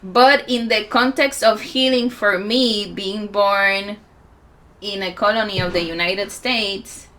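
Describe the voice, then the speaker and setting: A woman in her forties speaks with a Puerto Rican accent, slowly and reflectively, at a conference. Her tone is bright and forward, and she stops often to gather her thoughts. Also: mid-range voice, steady tone. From Puerto Rico. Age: 40s. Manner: unhurried, reflective, with many pauses and fillers. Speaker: musician and healer speaking at a conference. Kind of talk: conference talk.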